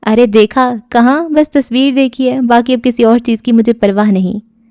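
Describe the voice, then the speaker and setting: A woman voicing an excited middle-aged mother who talks in a rush in an audio novel. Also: fairly high pitch, no echo, studio quality, pitched above the performer's own voice, close to an everyday voice. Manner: quick, excited.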